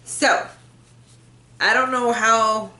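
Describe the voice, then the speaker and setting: A woman's voice: on the high side, fairly even intonation, drawn-out words, sharp tone. A woman chatting casually to her camera at home, rambling, self-deprecating and laughing often. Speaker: vlogger. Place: room at home. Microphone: built-in camera mic. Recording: echoey room.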